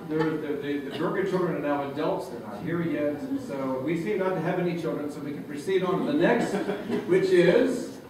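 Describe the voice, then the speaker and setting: A man's voice: fairly high pitch, unhurried. Joking man in an echoey room. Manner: joking, chuckles at his own lines. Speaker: speaker at a reception. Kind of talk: humorous speech to a room. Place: reception room. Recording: roomy, distant, noisy room recording.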